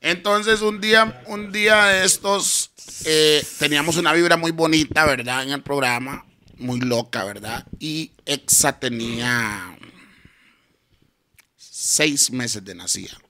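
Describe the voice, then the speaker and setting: A man's voice: fairly high pitch, slow, sharp tone. A man telling a long story casually as a podcast guest. He talks in slang and keeps tagging his sentences with questions.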